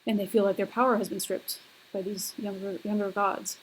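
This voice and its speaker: A woman's voice: medium pitch, level tone, fairly quick, a little hiss or hum, rough recording. A young woman lecturing on a recorded university class, talking casually and hesitantly with many fillers.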